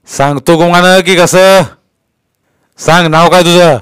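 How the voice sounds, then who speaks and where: A man's voice: fairly high pitch, measured pace, clean tone, no room sound, voice pushed up, close to an everyday voice. A man reading a story aloud, voicing a stern, bullying police inspector who barks questions. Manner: barking, interrogating.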